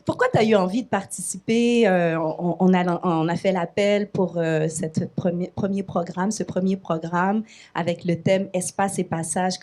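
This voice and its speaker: A woman hosting a festival event, introducing and interviewing an artist with enthusiastic, warm questions. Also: fairly low pitch, fairly even intonation, a little slow. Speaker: festival host.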